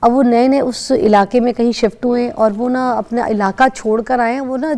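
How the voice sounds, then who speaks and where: A woman from Pakistan hosts a studio morning show with a high, gravelly voice. Her tone is mellow and dark. She chats easily, tells stories and chimes in often. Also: steady tone. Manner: chatty, tells anecdotes, interjects often. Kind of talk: conversational TV hosting.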